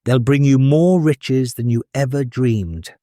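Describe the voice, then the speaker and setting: A man's voice: mid-range voice, measured pace, mellow, no room sound, studio quality, natural voice. A man voicing a mysterious, sly old man in a children's storybook, coaxing and secretive.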